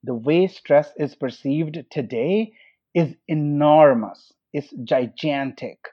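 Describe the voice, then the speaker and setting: A man's voice: a little high, slow pace. A man speaking as a doctor on a podcast, patiently explaining with everyday examples and questions to his hosts. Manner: patient, example-driven, asks listeners questions. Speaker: doctor and podcast guest expert. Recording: muffled lo-fi recording.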